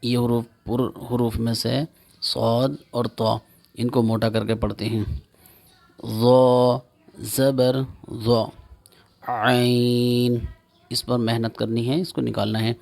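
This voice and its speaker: Male reading teacher, gravelly voice, slow repetitive letter drills. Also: mid-range voice, little pitch movement, a little mellow. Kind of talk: spelling lesson, drilling Arabic letters.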